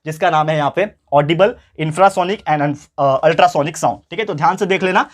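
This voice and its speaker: In an online science lesson for a school class, a man tutors viewers as if they were friends, repeating key points. His voice is a little high and unhurried, and he speaks slightly louder than usual to stay clear.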